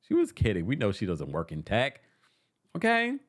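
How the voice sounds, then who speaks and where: A man's voice: on the low side, moderate pace. A man hosting a live-stream recap, reading fan messages aloud and riffing in a sassy, laughing way. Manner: sassy, animated, laughs often. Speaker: recap show host.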